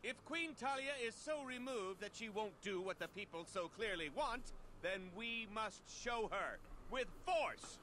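An actor playing a fiery rebel agitator in a video game, declaiming with passion to incite a mob. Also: male voice, high voice, lively intonation, a little slow, bright, forceful tone, a little hiss or hum, exaggerated voice. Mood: rousing. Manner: impassioned, declamatory. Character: fiery male rabble-rouser inciting a mob to revolt. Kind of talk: video game acting, public oration.

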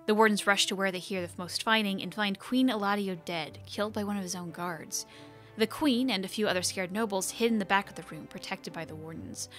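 Brief: woman book host, recap narration, middle pitch, soft music underneath. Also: brisk. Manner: even, storytelling read-aloud.

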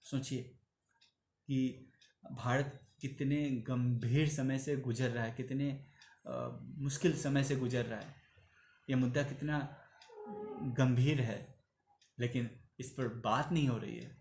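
Man, 30s, vlogger, earnest pleading commentary, mid-pitched, echoey room. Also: steady tone, slow, gravelly, pauses often, darkish tone, a little hiss or hum. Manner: earnest, pleading, mixes in English phrases. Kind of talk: opinion commentary to camera. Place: small room indoors.

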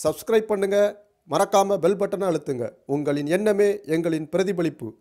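A man reading local news in a formal, measured style with a Tamil Nadu accent. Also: high-pitched. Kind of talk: scripted news narration.

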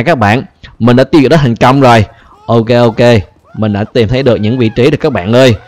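A man with a Vietnamese accent hosting a gaming channel, talking excitedly and chattily to viewers over his gameplay, often repeating phrases. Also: mid-range voice. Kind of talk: casual game commentary.

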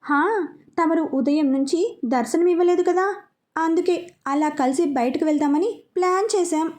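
A woman's voice: very high-pitched, a little slow, darkish tone. A woman voicing a playful young man who teases his friend. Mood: teasing. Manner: teasing, jokey.

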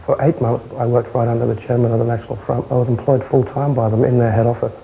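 A young man with a South London accent, answering interview questions in a matter-of-fact, halting way. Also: medium pitch, level tone, vocal fry, warm tone, slight background noise, rough recording. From South London, England. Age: young adult. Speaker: interviewee, former far-right insider. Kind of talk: candid television interview. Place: indoor television interview, close camera.

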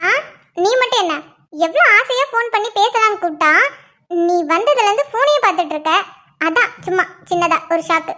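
A woman's voice: very high-pitched, expressive, brisk, sharp tone, heavily acted. A nagging young cartoon girlfriend. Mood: teasing complaint. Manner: twists every reply into a complaint. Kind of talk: cartoon voice acting.

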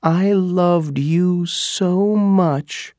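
Pocahontas, hurt young wife, as a narrator voices her, pitched up. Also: drawn-out words, a little mellow, dry recording, clean studio sound. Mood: sad, firm. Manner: emotional, reproachful. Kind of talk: audiobook character dialogue.

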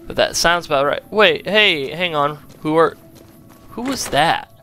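A man giving casual gameplay commentary in a bright, forceful voice. He chats along and reads the dialogue choices aloud as he plays. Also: on the high side, animated, unhurried, faint music behind. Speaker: gaming channel host.

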